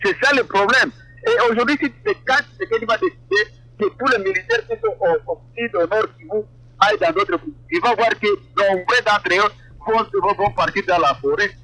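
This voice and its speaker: A man from eastern Congo talks in an animated interview, his high voice leaping up and down as he presses each point and repeats words for emphasis. The tone is bright and pointed. The sound is thin, as if over a phone line. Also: moderate pace. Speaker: interview guest. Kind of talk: political interview, casual.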